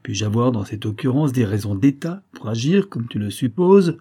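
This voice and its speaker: A man's voice: medium pitch, moderate pace, a little mellow, slightly rough. A man voicing a furious, haughty noble count who thunders scornful outbursts, reading an audiobook.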